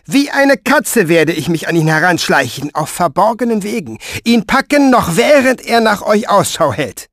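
Man doing a harsh, shouting captain, high and loud. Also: very animated, normal speed, few pauses, no room sound, studio quality, heavily acted. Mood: eager, scheming. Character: cruel impatient male soldier captain, loud and commanding.

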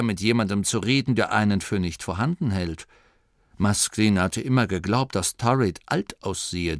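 A man reading a storybook aloud as narrator, in an expressive, measured way. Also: lowish voice, no room sound. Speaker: audiobook narrator.

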